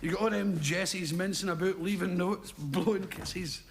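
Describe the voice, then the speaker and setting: A man's voice: high voice, normal speed, creaky, slight background noise. An actor playing a blunt, chatty lavatory attendant who keeps laughing through his lines. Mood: gossipy. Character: cheeky male veteran lavatory attendant.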